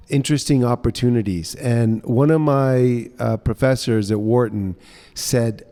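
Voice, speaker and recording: Chatty man in his fifties, mellow tone. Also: medium pitch, big-room sound. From United States (grew up in New Orleans). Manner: relaxed storyteller, chatty. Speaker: guest, entrepreneur. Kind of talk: casual interview conversation. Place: co-working space.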